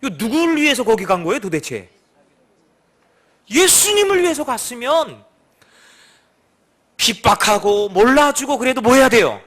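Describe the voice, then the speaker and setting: A man's voice: very high-pitched, moderate pace, pauses often. A male pastor giving a sermon, telling stories and acting out the voices of the people in them. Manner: animated, acts out quoted voices. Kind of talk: sermon with storytelling.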